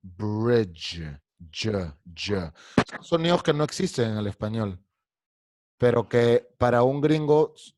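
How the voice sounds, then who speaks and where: A man's voice: medium pitch, animated, darkish tone, no room sound. Patient man drilling English sounds. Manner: drills words slowly with exaggerated sounds; patient, encouraging, repeats words often. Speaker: English pronunciation teacher. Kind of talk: online pronunciation class. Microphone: video call.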